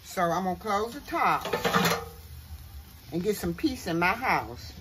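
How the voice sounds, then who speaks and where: Very animated yet measured in pace, a middle-aged woman with a lowish voice hosts a homey cooking demonstration, speaking folksily, checking in with the viewer, and ending many statements with "okay?". The home video is noisy, with clear background noise, and goes from the kitchen to an outdoor grill at night.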